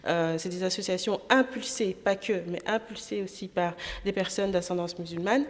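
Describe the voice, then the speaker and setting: At a moderate pace and medium pitch, a woman from Congo who presides over an association and works as a trainer delivers a pragmatic conference talk, often hesitating. The recording carries the long reverb of a parliament conference hall.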